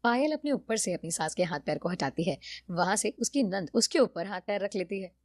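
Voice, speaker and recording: A woman's voice: medium pitch, animated, brisk, no room sound, studio quality. A woman narrating a family cartoon story in a plain, scripted storytelling manner.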